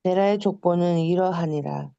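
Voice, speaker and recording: A reader taking turns reading scripture aloud in a measured, careful way. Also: medium pitch, creaky, mellow, smooth, no room sound, highs cut off.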